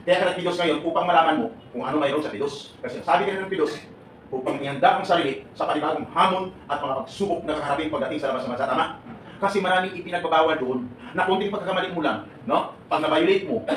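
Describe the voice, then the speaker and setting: A man from the Philippines with a somewhat high voice, animated and laughing as he quizzes a live seminar audience. He mixes English into his Filipino. The recording is roomy and distant, with clear background noise. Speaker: seminar speaker for departing overseas workers. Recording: echoey room, distant and noisy.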